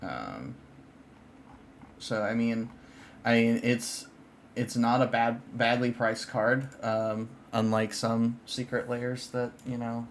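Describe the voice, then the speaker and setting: A man's voice: medium pitch, takes it slowly, a little hiss or hum. A man hosting a podcast, chatting casually and rambling with lots of fillers and restarts. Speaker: podcast host. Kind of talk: casual chat about card games.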